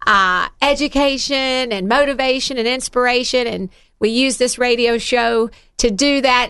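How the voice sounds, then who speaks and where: Bright-voiced Alabama woman hosting radio. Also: fairly high pitch, smooth. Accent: Southern US, Alabama. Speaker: radio show host. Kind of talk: upbeat motivational radio interview.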